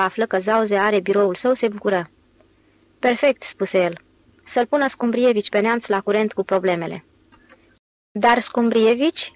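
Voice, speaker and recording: A woman narrates an audiobook in a steady, even voice that sits a little high. The recording is dry and close, with no room sound. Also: no echo, rough recording. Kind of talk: scripted narration.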